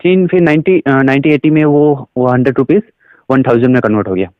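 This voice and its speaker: Over a recorded phone call, a direct selling recruiter with an Indian accent gives an explanatory sales pitch, asking questions and mixing in English phrases. He talks a little fast, and there's no echo.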